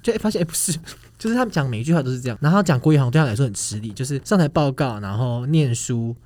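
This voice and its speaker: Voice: mid-range voice, lively intonation, very fast, a little mellow. A podcast co-host with a Taiwanese accent, chatting casually and asking teasing, provocative questions. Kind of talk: casual chat.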